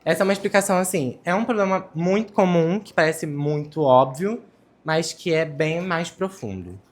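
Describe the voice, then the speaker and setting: Low-voiced woman student, casual and thoughtful in discussion. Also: lively intonation, moderate pace. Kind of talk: classroom discussion.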